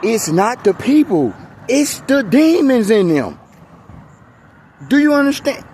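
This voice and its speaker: Exasperated american guy, high voice, preachy street vlog rant, repeats himself, bit of outdoor noise. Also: sing-song, takes it slowly, a little mellow. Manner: speaks while walking. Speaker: vlogger. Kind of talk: street vlog venting, preaching-like casual talk.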